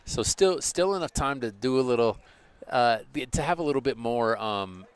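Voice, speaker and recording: Calling a school soccer match, this man rambles in a chatty, self-correcting way, often starting his sentences over. His medium-pitched voice is expressive and clean, at a moderate pace.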